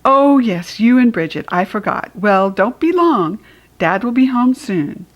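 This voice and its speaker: A woman voicing an easygoing, mildly puzzled mother in an animated storytime reading. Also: a little high, unhurried, highs cut off.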